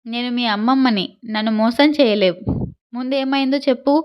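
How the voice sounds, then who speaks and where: A woman's voice: a little high, moderate pace, clean tone, dull audio, close to an everyday voice. Woman voicing a shrewd teasing old grandmother. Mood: fond scolding. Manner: teasing, scolding affectionately. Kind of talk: storybook narration with voiced dialogue.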